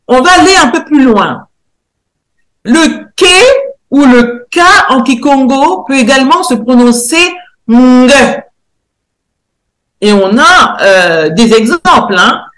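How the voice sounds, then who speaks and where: Woman lecturing real slow, bit high voice, lots of pauses, echoey room. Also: expressive, a bit bright. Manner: hesitant, searching for words, slow careful spelling out of sounds. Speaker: researcher and theologian presenting a decoding. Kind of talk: lecture presentation.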